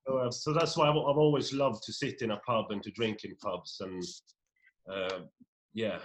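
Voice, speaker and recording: Halting Norwegian-born man telling his story. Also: fairly low pitch, steady tone, rough recording. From Norway. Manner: halting, many repeated words. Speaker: pub owner guest. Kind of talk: casual interview.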